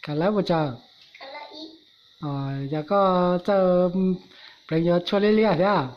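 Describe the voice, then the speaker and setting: A woman prompting a child to recite, speaking in loud, coaxing questions and cues in a casual home setting. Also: fairly low pitch, a little slow. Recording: dull lo-fi phone video with faint hiss.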